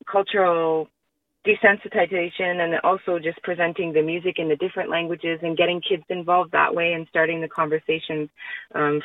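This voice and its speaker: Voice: mid-range voice, dry recording. A middle-aged musician chatting casually as a guest in a radio interview. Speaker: musician guest in a band duo. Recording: distant phone-like radio call.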